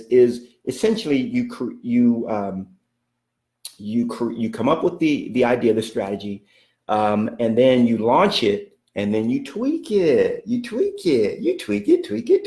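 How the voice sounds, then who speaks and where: The echoey room carries the warm, mid-range voice of a real estate coach giving a motivational talk. Emphatic and repetitive, he often adds "okay?" and speaks of God in a preacherly manner.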